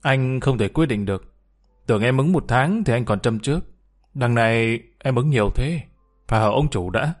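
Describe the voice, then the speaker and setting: A man voicing a middle-aged restaurant manager who talks in a brisk, matter-of-fact way. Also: medium pitch, expressive, faint music behind, close to an everyday voice. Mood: businesslike.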